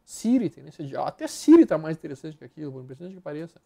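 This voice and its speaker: Man, Brazilian Portuguese accent, market analyst, blunt and slangy, warm mellow tone. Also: a little high, racing, creaky. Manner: blunt, animated, slangy, swears, repeats words rhythmically. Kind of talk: live market commentary over charts.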